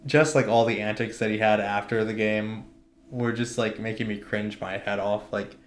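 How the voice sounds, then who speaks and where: A man's voice: on the low side, fairly even intonation, moderate pace. A young man co-hosting a podcast, chatting casually about sports in a rambling way full of filler words. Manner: rambling, many "like" fillers, laughs often. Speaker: podcast co-host. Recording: echoey room.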